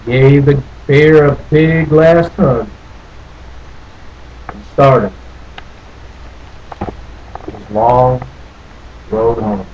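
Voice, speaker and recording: Extremely slowly and with long pauses, a man reads a children's story in a medium-pitched, darkish voice, his intonation fairly even yet theatrically lingering over phrases. The recording is lo-fi and noticeably noisy.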